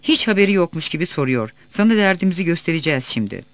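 A man's voice: a little high, big pitch swings, fast, dry recording. A man voicing a bossy, bullying middle-aged village headman who barks orders. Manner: loud, bullying.

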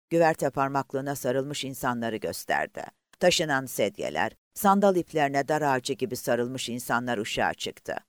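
A man narrating a novel in a dramatic audiobook reading. His voice rises and falls widely across every sentence, leaning into the tension of the scene. The sound is dry and close-miked, with no room echo. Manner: dramatic, highly varied reading.

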